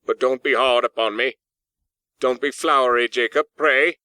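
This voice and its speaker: A man's voice: medium pitch, steady tone, normal speed, sharp tone, smooth, dry recording, close to an everyday voice. A man voicing a fearful old miser in a storybook, pleading in a faltering manner. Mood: nervous pleading. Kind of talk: dramatic audiobook character acting.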